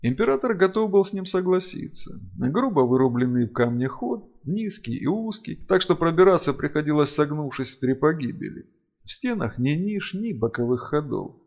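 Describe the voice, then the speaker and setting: A man narrating a fantasy audiobook in an expressive, sing-song reading style. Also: on the high side, moderate pace, lo-fi sound.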